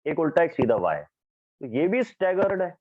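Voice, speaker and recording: A male chemistry teacher lectures in a classroom with a voice that swings up and down and sits slightly high. He keeps asking his students questions as he explains. The recording is thin and phone-like. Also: normal speed. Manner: lively, questions students often.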